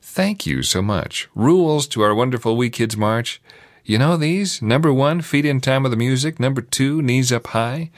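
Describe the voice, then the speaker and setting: A man's voice: medium pitch, expressive, moderate pace, dry recording, studio quality. A man hosting a children's march with playful commentary, encouraging the marchers as he calls out names and step commands. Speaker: children's march leader and host. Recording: loud brass march music behind the voice. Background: loud brass band march music.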